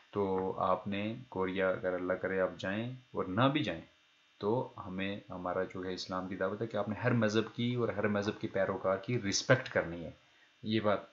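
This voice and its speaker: A man's voice: fairly low pitch, dull audio. A man teaching a recorded language lesson, repeating each key word and quizzing his students as he goes. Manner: explains step by step, repeats key words and asks the class questions; pauses to check his notes mid-lesson. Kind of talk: recorded online lecture.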